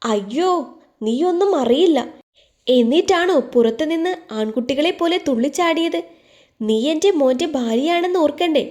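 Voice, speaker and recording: Lady putting on a sneering mother-in-law, bit high, soft mellow tone. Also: animated, a little fast. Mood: scornful. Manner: sneering, scornful. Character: harsh scolding older mother-in-law.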